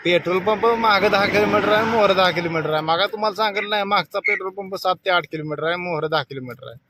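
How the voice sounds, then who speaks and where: A man's voice: high voice, quick pace. A man with a rural western Maharashtra accent on a casual prank phone call, talking colloquially in a pleading, insistent way. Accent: rural western Maharashtra Marathi. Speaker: prank caller. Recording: noisy phone call with vehicle sounds.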